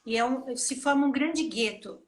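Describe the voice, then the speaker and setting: A woman's voice: high voice, moderate pace. A Brazilian woman hosting a live interview, affirming her guest and asking questions. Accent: Brazilian Portuguese.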